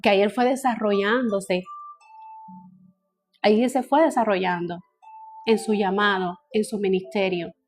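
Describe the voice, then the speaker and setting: Woman, Bible study teacher, average pitch, repeats herself, asks listeners if they follow, faint music behind. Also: steady tone, normal speed, long pauses. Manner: repeats phrases and checks in with listeners.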